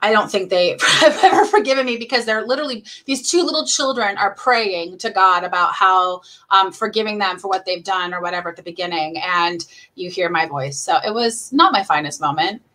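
A woman's voice: medium pitch, sharp tone. A woman being interviewed as a guest, talking casually and chattily, with lots of "like" and laughter. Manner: chatty, fast, says "like" a lot, laughs often. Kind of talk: casual conversation.

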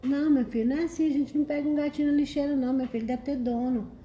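Brazilian woman, livestream host, warm mellow tone, chatty and teasing. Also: high-pitched, fairly even intonation, racing, dull audio, a little hiss or hum. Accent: Brazilian Portuguese. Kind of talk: casual live chat, reading comments.

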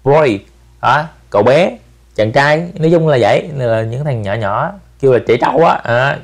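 A man, hosting a relaxed step-by-step app tutorial and softening his phrases with tag particles. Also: mid-range voice, moderate pace. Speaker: channel host giving an app tutorial. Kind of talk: casual screen-recorded tutorial.

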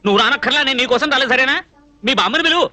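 An actor playing a flustered young male cook who blusters and talks fast in a film comedy scene. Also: heavily acted. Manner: fast, excitable, swings wildly in pitch.

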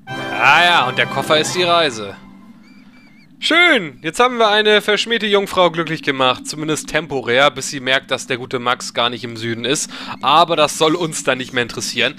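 A man's voice: fairly high pitch, animated, fairly quick, pushed and bright, faint music behind. A man giving casual, chatty gameplay commentary in a playful, ironic way. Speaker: let's player.

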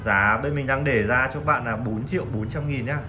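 A man gives a casual, halting sales pitch as a shop seller, often repeating himself. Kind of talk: casual sales pitch presenting used phones. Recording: clearly noisy room recording.

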